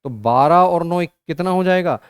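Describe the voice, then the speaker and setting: A man's voice: a little high, measured pace, clear, resonant tone, dry recording, studio quality. A man teaching an exam-prep lesson, working through arithmetic step by step and asking and answering his own questions, calling students "beta". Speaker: online reasoning teacher.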